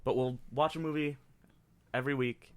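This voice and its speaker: A man's voice: mid-range voice, steady tone, moderate pace, clear, resonant tone, no room sound. A man hosting a casual podcast, rambling with many restarts and reading out movie ratings. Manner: rambling, self-interrupting, reads out movie ratings. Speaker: podcast host.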